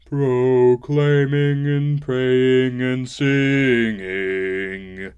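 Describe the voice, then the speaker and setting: A man voicing a stout male dwarf choir-master who intones his words in a slow, drawn-out chant. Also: mid-range voice, fairly even intonation, a little mellow, clean tone, lo-fi sound.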